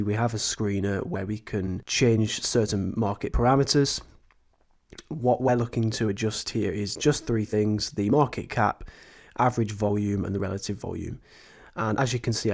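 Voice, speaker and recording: A man with a sore throat and a slightly croaky voice, hosting a chatty, earnest tutorial as a trading educator, speaking. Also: lowish voice, darkish tone. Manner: chatty, earnest, with frequent restarts. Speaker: trading educator, channel host. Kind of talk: tutorial explaining a method.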